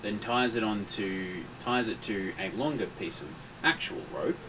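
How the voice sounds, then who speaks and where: A man's voice: lowish voice, a little slow. A man chatting casually as a player at a tabletop role-playing game. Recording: noisy room, distant microphone.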